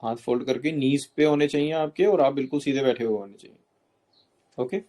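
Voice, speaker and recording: A man coaches students through interview etiquette in a mid-pitched, everyday voice. He lays out each point step by step, slips English terms into Hindi and keeps checking that his listeners follow. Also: a little fast, mellow. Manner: instructs step by step, often checks in with "okay?".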